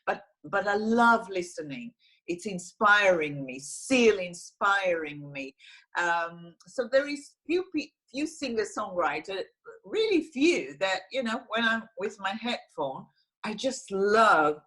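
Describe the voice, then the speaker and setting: Slow-talking Israeli woman in her forties. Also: medium pitch, animated, fairly bright tone. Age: 40s. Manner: slow and thoughtful, with frequent restarts and laughs. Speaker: singer-songwriter guest. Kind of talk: interview over video call. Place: small room at home, indoors. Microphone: video call.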